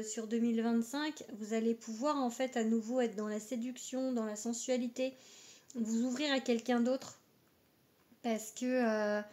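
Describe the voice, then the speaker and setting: A woman's voice: a little high, darkish tone. A woman giving a casual astrology card reading, talking hesitantly with many filler words. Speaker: oracle card reader.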